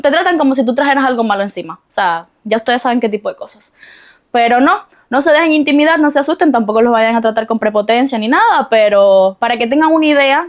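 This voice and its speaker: A Cuban woman with a Cuban accent giving travel tips in a fast, high, chatty voice. She rambles a little and speaks frankly to her viewers, like a casual vlogger. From Cuba. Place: Mexico.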